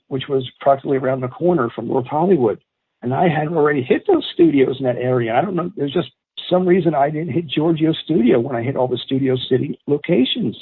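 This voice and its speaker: A man's voice: a little high, breathy edge. A middle-aged man from Atlantic City, a guest telling rambling stories and acting out what people said. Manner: animated, rambling storyteller who acts out quotes. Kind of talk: storytelling in a podcast interview. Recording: tinny phone-line sound.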